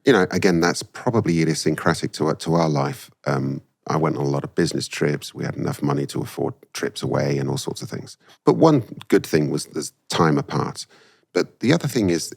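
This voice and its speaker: Man co-host, very low gravelly voice, gentle and prompting. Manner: gentle, prompting, lots of soft agreeing murmurs. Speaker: podcast co-host. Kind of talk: candid personal conversation.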